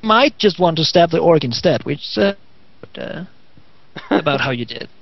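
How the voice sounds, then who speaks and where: A man with a fairly high voice and a gravelly fry runs a tabletop game in a casual way. The audio is dull and lo-fi. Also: expressive, normal speed, no echo. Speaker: game master.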